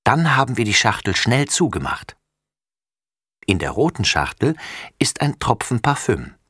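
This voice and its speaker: A man's voice: medium pitch, big pitch swings, a little slow, a bit bright, husky, no room sound, clean studio sound, voice pushed up, full character voice. A man voicing a young girl, a bossy and impatient big sister, in a storybook reading. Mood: proud. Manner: impatient, scolding.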